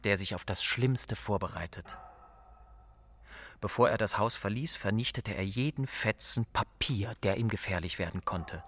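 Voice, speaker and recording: A man reading a story aloud in measured, serious scripted narration. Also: on the low side, pushed and bright. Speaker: audiobook narrator.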